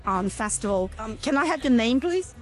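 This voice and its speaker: A middle-aged woman conducts a relaxed on-site interview in a somewhat high voice. She is friendly and repeats words as she starts her questions. Faint music plays behind her. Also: moderate pace. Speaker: festival interviewer.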